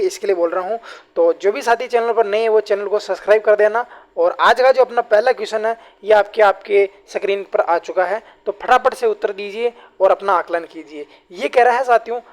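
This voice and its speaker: A man teaching a Hindi grammar lesson for exam preparation, often calling his viewers companions, repeating key phrases and reading example sentences slowly. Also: high-pitched. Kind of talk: online exam-prep lesson.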